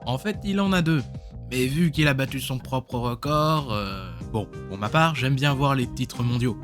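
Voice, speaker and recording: A man's voice: medium pitch, expressive, unhurried, music in the background. A man doing comedic commentary on a video, sarcastic, with joking asides. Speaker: YouTuber.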